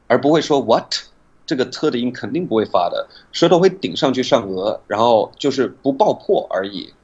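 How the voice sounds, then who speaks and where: Husky low-voiced man, patient teacher explaining pronunciation, dull lo-fi recording. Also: lively intonation, a little mellow. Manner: patient, demonstrates sounds slowly.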